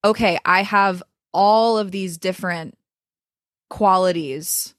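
Taking her time in a medium-pitched voice, a female voice coach reflects as an interview guest, speaking in a flowing, thoughtful way peppered with "like" and "you know." The studio sound is clean, with no room sound.

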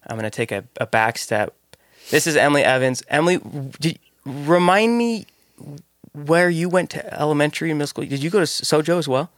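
A man hosting a casual podcast interview, opening with an energetic welcome and then chatting loosely with fillers. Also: a little high, a little fast, dry recording. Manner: energetic hype intro, then relaxed with fillers. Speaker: podcast host.

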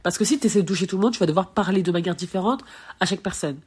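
A young woman hosting a casual solo podcast on branding, bubbly and excitable, dropping English phrases into her talk. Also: mid-range voice, rapid-fire, slightly rough.

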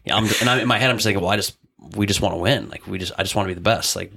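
A man's voice: lowish voice, racing, vocal fry, pushed and bright, slight background noise. A man, a wrestling coach and podcast guest, telling his story in a loose, rambling way full of fillers and restarts. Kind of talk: casual storytelling in an interview.

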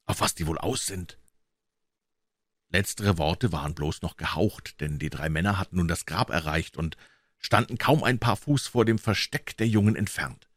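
A man reading a classic novel aloud as an audiobook, in a measured, even storytelling manner. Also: sits low, no room sound. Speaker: audiobook reader.

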